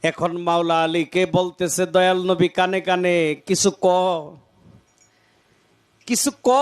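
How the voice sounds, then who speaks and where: Male preacher, high voice, colloquial storytelling sermon, dramatic rises and falls.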